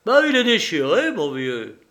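A man reading aloud and voicing a composed, commanding gentleman who speaks firmly and with dry irony. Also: on the high side, animated, a little slow. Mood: ironic command. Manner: firm, sardonic, raised voice. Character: cool, commanding gentleman hero, ironic. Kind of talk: audiobook reading.

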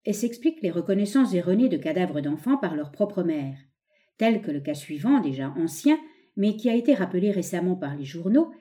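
Expressive woman reading aloud, mellow tone. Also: fairly low pitch. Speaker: audiobook reader. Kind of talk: scripted narration of an essay.

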